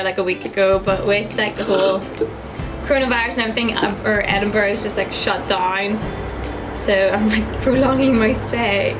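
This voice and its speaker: A woman of twenty with a Northern Irish accent, chatting casually and giggling on a vlog from a student flat. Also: mid-range voice, poor audio. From Northern Ireland, County Antrim. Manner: chatty, giggly, lots of fillers. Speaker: vlogger, student. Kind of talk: casual chat. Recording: music playing behind.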